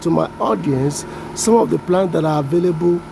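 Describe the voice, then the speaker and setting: Holding a phone camera off-screen, a Nigerian-accented vlogger who grew up speaking Yoruba casually narrates his way past backyard weeds outdoors. He speaks slowly, sounding out plant names with gentle self-mockery, in a voice on the high side with vocal fry. A generator runs in the background of the recording.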